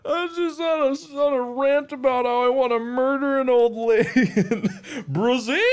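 A man hosting a let's play, loud and excitable, laughing constantly and slipping into goofy voices. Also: very high voice, moderate pace, clear, resonant tone. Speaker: gaming video host.

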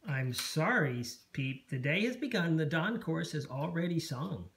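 A reader voicing a kind but firm bird choir conductor in a read-aloud storybook, calm and gently firm. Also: medium pitch, normal speed, echoey room.

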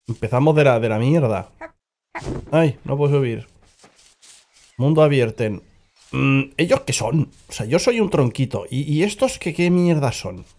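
A man's voice: mid-range voice, a little mellow, a little hiss or hum. A man with a Spain Spanish accent, playing a video game and joking and swearing as he reacts to what happens on screen. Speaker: gaming channel host. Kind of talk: casual let's-play commentary.

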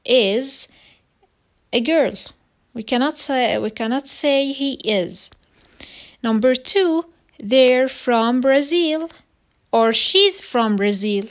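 A woman teaching young children English over slides, slow and patient, repeating each word. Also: high-pitched. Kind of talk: recorded slide lesson for children.

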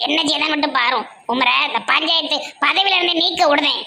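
A woman's voice: high voice, fairly quick, vocal fry, bright, forceful tone, exaggerated voice. A woman voicing a gossipy, quarrelsome village woman in a cartoon, speaking with a Tirunelveli Tamil accent and a scolding, dramatic delivery.

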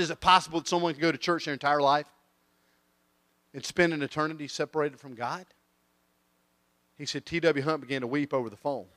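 A man preaching a sermon, telling stories and swinging between quiet intensity and loud rising emphasis. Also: fairly high pitch, no room sound, studio quality. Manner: tells stories with quoted voices.

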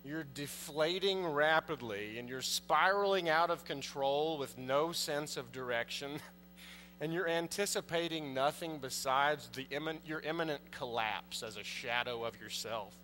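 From the pulpit of a large church, a man in his thirties, a priest, gives an unhurried, conversational sermon and poses questions to the congregation. His voice is on the high side with a sharp tone. A pulpit mic and distant camera capture long church reverb and a faint mains hum.

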